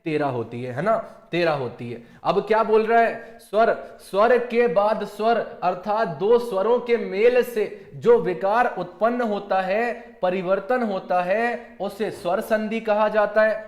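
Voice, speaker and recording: A male teacher with a Madhya Pradesh Hindi accent runs an exam-prep grammar lesson, throwing out questions and answering them himself. His voice sits high, and he keeps repeating key terms as he calls the students dear friends. The room around him is echoey. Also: a little slow, few pauses. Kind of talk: online exam-prep lecture.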